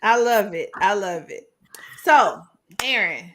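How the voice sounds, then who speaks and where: A woman co-hosting a podcast in casual chat, animated and expressive, laughing often. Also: mid-range voice, slow pace, a little hiss or hum. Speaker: podcast co-host.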